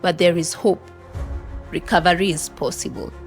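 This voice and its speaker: A woman narrating a scripted podcast introduction in a measured, earnest way. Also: on the low side, steady tone, faint music behind.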